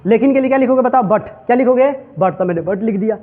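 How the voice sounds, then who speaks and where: Man, high voice, English teacher, drills students with repeated questions, tinny phone-like recording. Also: fast. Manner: mixes Hindi and English. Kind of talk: classroom translation lesson.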